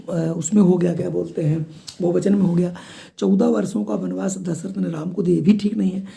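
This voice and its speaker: A male teacher working through exam questions, reading each sentence out slowly and then calmly correcting it. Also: high voice, creaky. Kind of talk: exam-prep lesson.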